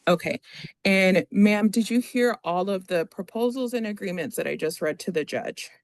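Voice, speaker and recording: Speaking formally before the court, this attorney reads requests aloud and questions a witness haltingly, step by procedural step. The pitch sits in the middle range, and there's no echo.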